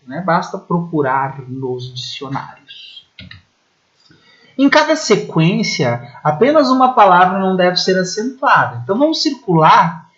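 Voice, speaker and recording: A Brazilian man, a Portuguese teacher, explains grammar rules step by step, often checking in with "né?". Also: fairly high pitch. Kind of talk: recorded online grammar lesson. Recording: slightly muffled lo-fi audio.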